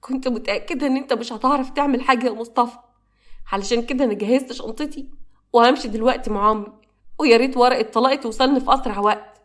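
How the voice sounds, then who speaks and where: A woman's voice: a little high, racing, close to an everyday voice. A woman with an Egyptian accent voicing a frightened, insistent young wife in a spoken story. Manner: fearful, insistent.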